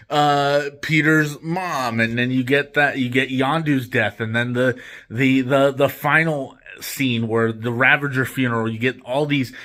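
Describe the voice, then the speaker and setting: A man's voice: medium pitch, a bit bright. A man hosting a casual movie review vlog, rambling with lots of restarts and fillers. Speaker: host.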